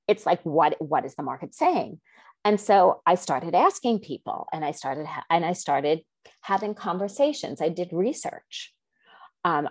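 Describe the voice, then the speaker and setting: Animated middle-aged woman telling her story. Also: no room sound. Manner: animated, acts out quoted dialogue with big pitch jumps; rambling with restarts and asides. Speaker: guest. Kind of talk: storytelling in an interview.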